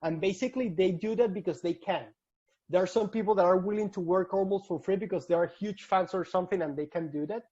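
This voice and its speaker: A man's voice: high voice, fast, darkish tone, slightly rough. Venezuelan guy giving a slide talk on a video call, earnest, keeps restarting, muffled call audio. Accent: Venezuelan Spanish. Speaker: alumni speaker. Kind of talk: casual slide presentation.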